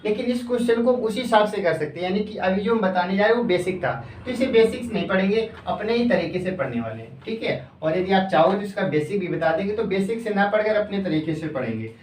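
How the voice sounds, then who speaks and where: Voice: medium pitch, animated, a little mellow, recorded from a distance, slight background noise. Echoey teacher answering own questions. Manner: asks the class questions and answers them itself; repeats phrases slowly as if dictating. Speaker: coaching class teacher. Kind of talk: exam-prep math lesson. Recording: echoey room, voice off-mic.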